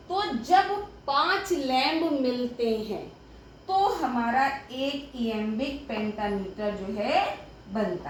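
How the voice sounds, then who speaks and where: A young woman with a high voice teaches a grammar lesson. She breaks each point into small steps and keeps checking that her students follow. The room is echoey, with a faint hiss behind her. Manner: explains step by step, often checks with "ठीक है". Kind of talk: explaining a lesson at a board.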